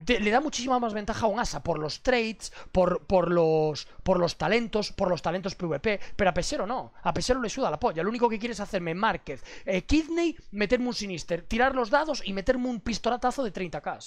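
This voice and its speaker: A young man from streaming casually, crude and animated, swearing constantly as he talks to his chat. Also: high voice, brisk, hardly any pauses, dry recording.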